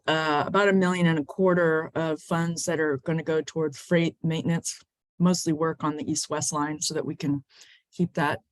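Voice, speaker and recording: A man giving a relaxed funding update on a video call, with small asides. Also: on the high side, no echo. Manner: relaxed, talks through funding details with asides. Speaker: transit agency staff. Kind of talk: casual meeting update.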